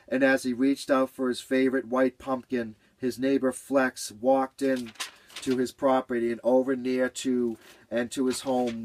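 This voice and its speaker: Slow, gentle male storyteller. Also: mid-range voice, dry recording. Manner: slow, gentle, rhythmic repetition. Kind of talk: children's story reading.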